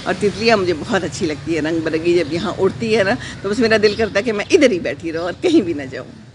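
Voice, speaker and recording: A woman with a lowish, animated voice hosts a casual live stream from her garden, reading viewer comments aloud. She speaks gently and reflectively with unhurried pauses, slips in English phrases, and scatters prayers, blessings and good wishes throughout, over some background noise.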